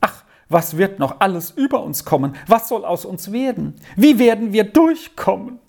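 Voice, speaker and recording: A storyteller voicing a fretful aunt who wails and laments loudly in a high voice. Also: lively intonation, unhurried. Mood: pleading. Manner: high, loud, wailing. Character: fretful wailing aunt, woman, middle-aged.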